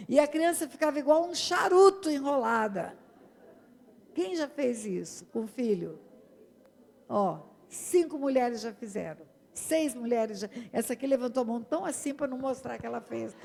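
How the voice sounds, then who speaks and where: Woman pastor, Brazilian accent, high gravelly voice, sermon with long hall reverb. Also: darkish tone. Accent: Brazilian Portuguese. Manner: emphatic preaching, addressing the congregation directly. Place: church hall.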